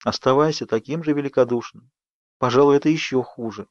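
A man's voice: mid-range voice, brisk, no echo, close to an everyday voice. A man voicing Bella, a desperate teenage girl who pleads urgently, read for an audiobook. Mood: pleading. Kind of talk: audiobook character reading. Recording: dry, slightly dull studio read.

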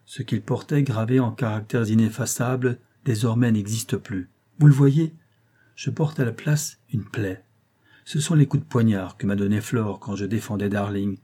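A noble young princess in hiding speaks with solemn, declamatory devotion, read by a man in an audiobook. The voice is mellow and darkly toned, with a slightly husky grain. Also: fairly low pitch, normal speed. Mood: earnest. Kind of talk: audiobook reading.

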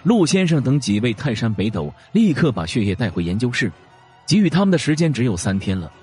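A man narrating a fantasy audio drama in a dramatic, expressive way. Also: mid-range voice, a little fast, husky, faint music behind.

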